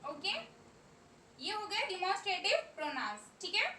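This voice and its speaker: A woman's voice: very high voice, big pitch swings, normal speed, pushed and bright, a little hiss or hum. Indian woman teacher drilling word lists. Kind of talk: classroom grammar lesson. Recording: echoey room, mic far off.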